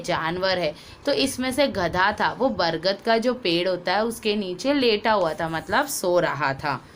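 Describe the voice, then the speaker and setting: A woman's voice: medium pitch, fairly bright tone, slight background noise. A woman teacher reads a story aloud to children, explaining words and asking the class questions she answers herself. She raises her voice to act out the characters' cries.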